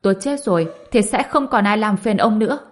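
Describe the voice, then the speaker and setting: A woman's voice: mid-range voice, animated, a little fast, pitched above the performer's own voice, natural voice. A woman voicing a wicked older woman in an audiobook, tearful and pleading.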